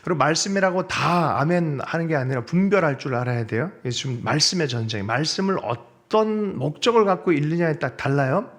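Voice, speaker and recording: A male pastor preaching a sermon in a church, animated and often asking the congregation questions. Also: on the high side, a little fast, few pauses. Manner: animated, asks the congregation questions and seeks their agreement. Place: church sanctuary.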